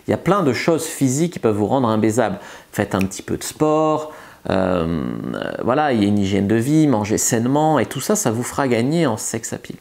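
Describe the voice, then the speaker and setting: Talking to camera, this chatty seduction coach offers relaxed advice, often restarting sentences and leaning on fillers. His medium-pitched voice is animated, gravelly and darkish, and he speaks a little fast.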